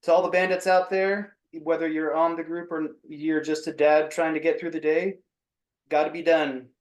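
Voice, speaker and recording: A man hosting a podcast, relaxed and quick to react with laughs and agreement. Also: fairly high pitch. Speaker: podcast host. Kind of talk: casual chat. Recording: echoey room.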